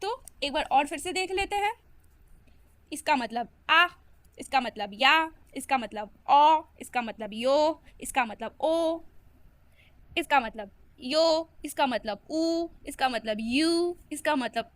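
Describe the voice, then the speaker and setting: A woman's voice: high-pitched, lively intonation, takes it slowly, no room sound. A young woman giving a casual step-by-step lesson, patiently repeating each sound and stroke and encouraging her viewers as a learner herself. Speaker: self-taught learner sharing lessons.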